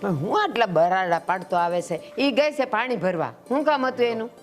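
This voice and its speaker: Actress doing a blunt old kathiawadi village mom, scolds straight, soft music under. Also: female voice, medium pitch, expressive, normal speed, natural voice. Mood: scolding. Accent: Kathiawadi Gujarati. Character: protective elderly village mother, firm and outspoken. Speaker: actor. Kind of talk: village family drama acting.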